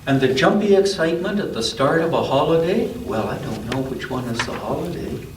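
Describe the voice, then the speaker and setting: A man with a slightly high, animated voice reads aloud to children at a church story time, pausing for asides and to ask them what they see in the pictures. The recording comes from a distant microphone in a roomy church, echoey and with background noise.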